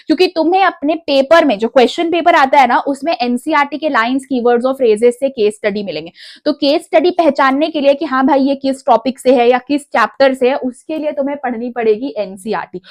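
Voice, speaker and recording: A young woman giving exam strategy advice to students, direct and insistent, dropping English phrases into her talk. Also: high voice. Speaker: educational YouTuber.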